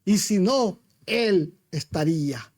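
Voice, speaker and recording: A man's voice: sits high, expressive, slow pace, darkish tone, no echo, clean studio sound. A man preaching a sermon as pastor, retelling a story with emphasis and rhetorical questions to his congregation.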